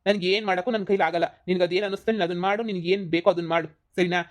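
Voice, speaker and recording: A woman voicing a short-tempered middle-aged husband, scolding rapidly in a cartoon comedy. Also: fairly low pitch, steady tone, lightly acted. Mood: angry. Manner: scolding, rapid, repeats insults.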